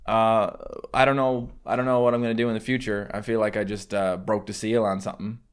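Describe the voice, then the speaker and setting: A man's voice: fairly low pitch, flat delivery, a little fast, smooth. A man in his twenties from Newfoundland, speaking with a Newfoundland accent in a casual, hesitant, self-deprecating vlog style. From Newfoundland, Canada. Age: 20s. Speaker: gaming YouTuber. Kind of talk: casual vlog chat to camera. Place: small home room with acoustic foam, indoors.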